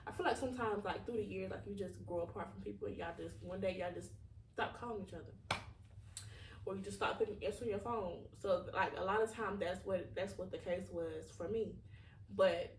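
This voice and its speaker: A woman in her 20s hosts a podcast, rambling candidly through her feelings in a reflective monologue packed with "like." Her medium-pitched voice moves a little fast and comes from off-mic in a roomy, echoing space with a bit of hiss or hum.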